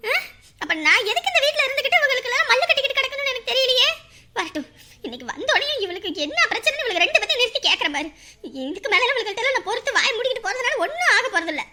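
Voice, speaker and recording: A woman's voice: very high voice, expressive, rapid-fire, bright, forceful tone, exaggerated voice. An actress playing a bitter, quarrelsome middle-aged mother-in-law who scolds and complains at length. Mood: bitter ranting. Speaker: mother-in-law in a family drama. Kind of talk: scripted web series acting.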